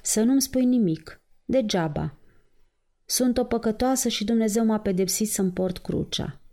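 A woman voicing a sharp-tongued, greedy middle-aged innkeeper's wife who scolds curtly in an audiobook reading. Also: a little high, lightly acted. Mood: scornful. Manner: curt, scolding.

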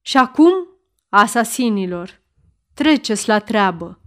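A stern military count barking orders at his riders and the crowd, put on by a woman reading the story. The voice jumps up high and loud on the commands, with a hard, authoritative bite. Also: lively intonation, lightly acted. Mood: commanding. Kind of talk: audiobook character reading.

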